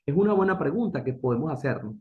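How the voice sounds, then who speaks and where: A man's voice: a little high, lively intonation, quick pace. Earnest middle-aged man, lo-fi. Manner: earnest, poses rhetorical questions, repeats phrases. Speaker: business consultant. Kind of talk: motivational talk. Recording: dull lo-fi recording.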